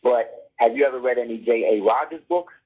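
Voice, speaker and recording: A man's voice: mid-range voice, fairly quick, darkish tone, husky. A middle-aged man, a podcast guest, lecturing in a conversational way, pressing his points and often checking whether the listener follows. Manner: insistent, keeps asking "you see what I'm saying?". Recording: dull lo-fi audio.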